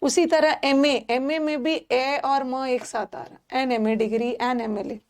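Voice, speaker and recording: A woman teaching a class, explaining pronunciation slowly and repeating each sound for her students. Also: sits high, steady tone, darkish tone. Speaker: English teacher. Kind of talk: classroom lesson.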